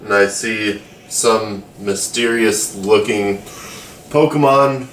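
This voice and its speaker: A man playing a tabletop game who talks in an unhurried, questioning way. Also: lowish voice, a bit bright, a little hiss or hum. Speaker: player. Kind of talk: casual tabletop play. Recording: distant from mic in an echoey room.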